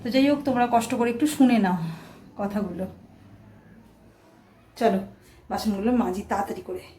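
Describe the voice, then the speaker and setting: A woman vlogging casually about her housework, talking softly while her child sleeps at home. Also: mid-range voice, fairly quick, a little hiss or hum. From India. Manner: soft, hushed talk while child sleeps. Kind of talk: casual vlog chat. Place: home kitchen.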